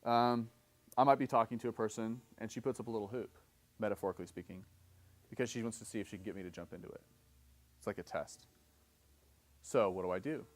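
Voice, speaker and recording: A seminar instructor in his thirties gives a live lecture in a lowish, fairly even voice, speaking fast but leaving long pauses. He explains step by step, often checks in with "okay?", and acts out both sides of example dialogues.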